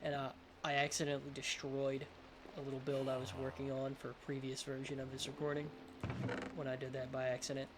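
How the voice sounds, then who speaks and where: A man's voice: mid-range voice, completely flat delivery, a little fast, very noisy. A man with a lisp giving casual, rambling game showcase commentary, often hesitant and unsure of himself. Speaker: gaming video host.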